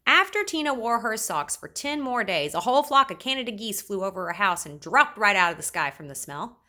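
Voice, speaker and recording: Woman, children's read-aloud narrator. Bright tone, very varied pitch, playful and expressive. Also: brisk. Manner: animated, with playful repetition and sound words. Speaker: storybook reader.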